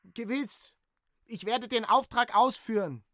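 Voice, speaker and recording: An actor playing Barnabas, a humble, dutiful young village messenger in a radio drama. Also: male voice, very high-pitched, slow, fairly bright tone, no echo, studio quality, heavily acted. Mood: subdued.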